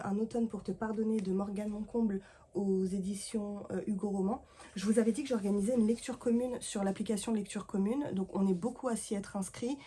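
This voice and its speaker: Chatty woman with a mellow voice. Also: medium pitch, slightly rough. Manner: lively and chatty, with many fillers and playful asides. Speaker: book vlogger. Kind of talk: casual chatty book haul vlog.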